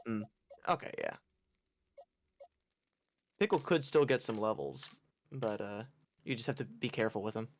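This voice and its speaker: A man's voice: lowish voice, animated, moderate pace, long pauses. Rambling, self-mocking gaming streamer guy. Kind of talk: casual chat over gameplay.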